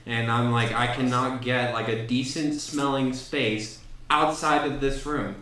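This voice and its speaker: Young man, bright-voiced college podcaster, rambling and cursing, mic a little far off. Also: mid-range voice, steady tone, a little slow, very echoey. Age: young adult. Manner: rambling, heavy swearing. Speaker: podcast co-host. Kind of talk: casual chat. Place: dorm room.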